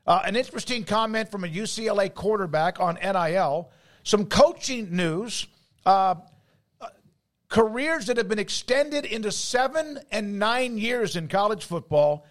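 High-voiced man hosting sports talk. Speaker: sports talk show host. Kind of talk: unscripted show opening talk.

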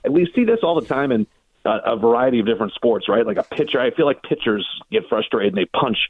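An American man talks fast and expressively at a medium pitch, his voice edged with breath. He's a sports broadcaster appearing as a guest on sports radio, telling stories in a chatty, long-winded, detailed way. The dry recording has a narrow, phone-like band.

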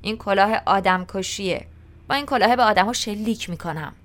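A woman's voice: medium pitch, lightly acted. A woman reading a sarcastic bored teenage boy. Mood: offhand. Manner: dry sarcastic retorts. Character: sarcastic sixteen-year-old schoolboy, bored and mocking. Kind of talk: audiobook character reading.

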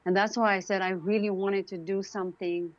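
A woman's voice: mid-range voice, little pitch movement, fairly quick, no echo, muffled recording. A middle-aged woman with a Romanian accent telling her own story conversationally as an interview guest, earnest and emphatic, repeating phrases for stress. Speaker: interview guest, founder and CEO.

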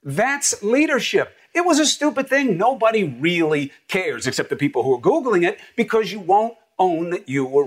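Middle-aged male anchor, fiery sarcastic monologue, lively pitch, slightly high voice. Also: breathy edge. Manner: emphatic, sarcastic, punchy. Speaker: news anchor. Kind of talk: opinion commentary.

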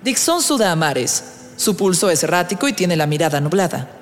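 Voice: mid-range voice, sing-song, fairly quick. A narrator reading scripted, present-tense audio drama narration. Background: loud music, vehicle and outdoor sound effects.

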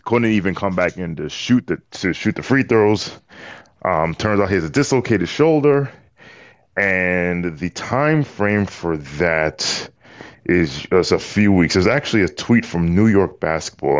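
Male sports podcast host, low register, thinking aloud haltingly, dry and unechoed. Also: creaky, no echo, lo-fi sound. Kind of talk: casual sports talk.

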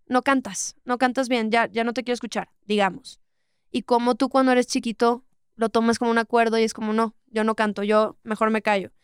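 A singer in her twenties from Monterrey, speaking with a Mexican accent, talks thoughtfully as a guest in a casual interview, often saying "o sea" and "¿sabes?". Her fairly high voice has a clean tone and studio quality, with no room sound.

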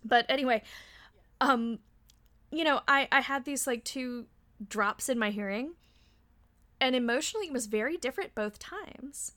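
A woman in her thirties, a podcast guest in casual chat, animated, laughing often and swearing freely. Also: high-pitched, normal speed, long pauses. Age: 30s.

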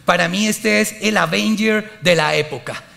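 A man's voice: sits high, moderate pace, gravelly, bright, forceful tone. A man preaching a sermon, telling a personal story with animation and speaking directly to the congregation.

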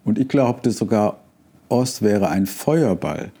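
Guy doing a mumbly growly lion, slow and dark. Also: fairly low pitch, lively intonation, breathy edge, exaggerated voice. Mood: mumbling.

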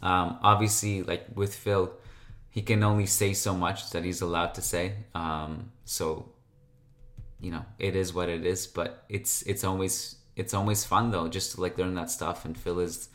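Low-voiced man hosting a sports podcast. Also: little pitch movement, unhurried, fairly bright tone. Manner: rambling, conversational. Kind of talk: casual solo podcast talk.

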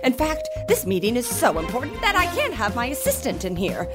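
Pompous high-voiced cartoon fashion boss woman. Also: wildly swooping pitch, fairly quick. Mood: commanding. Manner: pompous, commanding, dismissive. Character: bossy, self-important female fashion boss in cartoon. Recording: music behind. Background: cartoon score.

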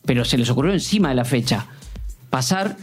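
An Argentine man in his fifties spins anecdotes as a podcast guest. He keeps his pitch in a middling range and answers his own rhetorical questions with animation. Soft music plays faintly underneath. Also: a little fast, breathy edge. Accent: Argentine Rioplatense Spanish. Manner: animated, uses rhetorical questions and acts out quoted dialogue. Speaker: guest, sports journalist. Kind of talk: conversational storytelling in a podcast interview.

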